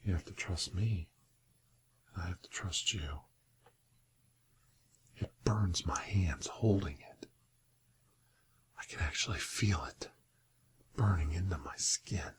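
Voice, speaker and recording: A man in a whispered role-play, voicing a sly, menacing interrogator who is a time-travelling doctor, questioning and bargaining deliberately. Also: low voice, slight background noise. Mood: tormented, entranced.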